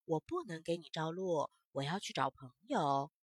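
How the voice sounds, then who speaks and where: A woman voicing a small, eager, lonely firefly who is searching for friends, calling out high and bright and refusing flatly. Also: moderate pace, husky, no room sound, clean studio sound, exaggerated voice. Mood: stubborn.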